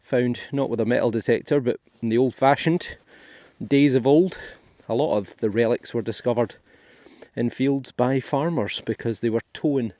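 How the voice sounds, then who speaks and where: This Scottish metal detecting vlogger keeps up a chatty, thinking-aloud commentary as he digs in a field. His medium-pitched, mellow voice moves at a moderate pace, with no room sound.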